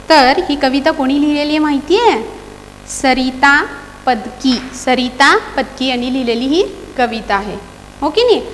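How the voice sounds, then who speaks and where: A woman with a high voice teaches small children, asking them question after question and chanting rhyme lines slowly for them to repeat. Her voice rings in a roomy space with a long tail of echo, and faint noise sits underneath. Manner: coaxing, asks pupils many questions, chants rhymes slowly. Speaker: primary school teacher. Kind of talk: teaching a children's poem in an online class.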